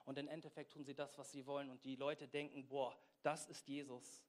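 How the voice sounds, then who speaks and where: A man preaching a sermon with passion, swinging between quiet intensity and loud exhortation, often putting questions straight to his listeners. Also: mid-range voice, little pitch movement, a little fast. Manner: asks the audience direct questions.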